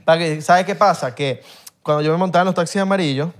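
Animated Venezuelan man telling stories. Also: a little high, fast talker. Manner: animated storyteller, acts out voices in anecdotes. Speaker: guest. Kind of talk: casual chat.

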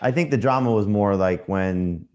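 A man's voice: on the low side, normal speed, darkish tone. A man with an American accent speaking casually as a panelist on a podcast. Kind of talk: casual chat.

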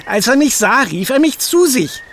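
An actor playing Hugo, an excitable, fretful animal in a children's audio drama, talking in a rush of worry. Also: male voice, very high voice, normal speed, gravelly, exaggerated voice. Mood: storytelling. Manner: anxious, excitable, eager. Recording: audible background noise.

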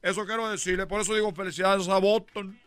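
A man's voice: sits high, fairly even intonation, fast talker, fairly bright tone, clear, resonant tone, dry recording, soft background music. A man voicing a boastful male baseball player who talks with a put-on Caribbean Spanish accent and drops his R's, teasing and bragging in a radio comedy sketch. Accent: put-on Caribbean Spanish, dropping the R. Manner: brash, bragging, teasing, chuckling.

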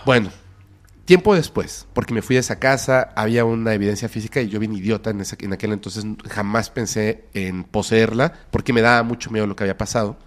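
A man's voice: on the low side, a little fast. Mexican man telling a spooky tale. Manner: dramatic, drops to whispers and bursts of loudness. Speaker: podcast guest. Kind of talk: storytelling in a podcast interview.

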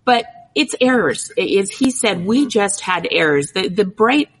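A woman softball analyst on a sports talk show, chatty and enthusiastic. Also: medium pitch, lively intonation, a little slow, husky, faint music behind, low-quality recording.

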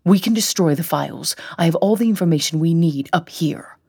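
A woman's voice: on the low side, a little fast, darkish tone, slightly rough. A woman voicing a frightened, paranoid old grandfather who talks in urgent, suspicious bursts. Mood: agitated, paranoid.

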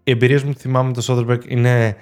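A man's voice: medium pitch, level tone, a little mellow, smooth, faint music behind. Young man rambling about films. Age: young adult. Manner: rambling, many restarts and fillers. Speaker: podcast co-host. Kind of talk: casual film chat.

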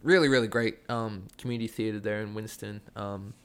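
On a casual podcast, a man with a softened Australian accent rambles about his acting and the school theatre program he runs, full of fillers and restarts. His voice sits fairly low, moves fairly quickly with fairly even intonation, and sounds smooth.

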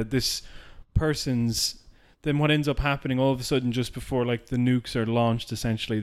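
A man's voice: medium pitch, clear, resonant tone. An Irish man hosting a podcast in casual chat, rambling and thinking aloud with plenty of fillers. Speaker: podcast host.

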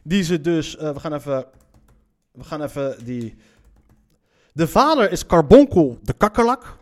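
A man's voice: a little high, lively intonation, measured pace. A man reacting to a story he reads aloud, blunt and incredulous, swearing and stumbling over repeated words. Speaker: reaction commentator. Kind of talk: reaction commentary.

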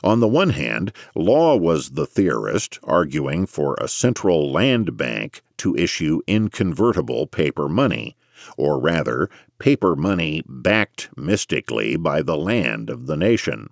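Male narrator for scholarly nonfiction: extremely low, animated intonation, erudite and measured delivery. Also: vocal fry, dry recording, studio quality. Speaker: audiobook narrator. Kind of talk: scripted scholarly narration of economic history.

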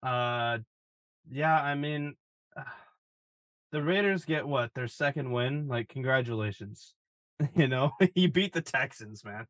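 A man's voice: mid-range voice, slow pace, a bit bright, dry recording. A young man co-hosting a podcast, laid-back and wry in casual sports chat, swearing casually. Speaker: podcast co-host.

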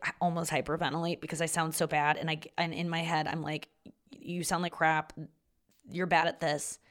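Low-pitched woman podcaster with vocal fry. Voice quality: vocal fry, talking from the back of the throat. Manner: rambling, self-deprecating, swears casually. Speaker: podcast host and comedian. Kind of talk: casual solo podcast monologue.

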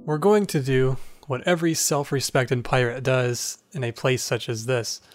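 A man's voice: medium pitch, steady tone, normal speed, faint music behind. A man reading game text aloud as narrator in a casual playthrough, without putting on character voices.

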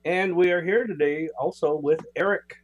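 An older man chats as a radio co-host in a somewhat high-pitched voice. The sound is tinny and boxy, like a makeshift home studio. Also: moderate pace. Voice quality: tinny, distant barrel-like sound. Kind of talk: casual radio chat.

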